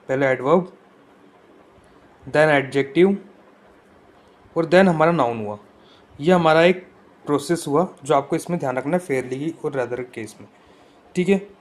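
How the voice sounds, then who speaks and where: A man teaching an exam-prep grammar lesson, explaining rules step by step and often checking that his students follow. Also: on the high side.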